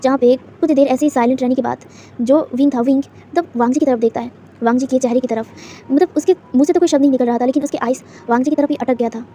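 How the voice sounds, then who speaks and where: A woman narrating a fan fiction story in a rapid, casual retelling full of fillers and restarts. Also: high-pitched, fairly even intonation, dark tone, a little hiss or hum.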